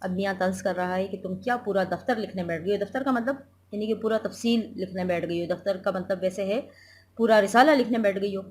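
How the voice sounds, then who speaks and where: A woman's voice: mid-range voice, a little fast. A woman school teacher giving a recorded lesson, explaining a literature text by repeating and glossing words.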